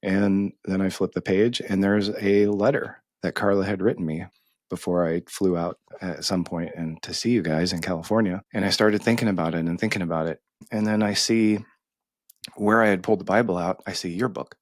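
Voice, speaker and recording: A middle-aged man with a deep, low voice shares a heartfelt personal story on a podcast. He speaks haltingly, stumbling and restarting as emotion catches him. The sound is dry and close. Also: fairly even intonation, dry recording. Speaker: podcast co-host.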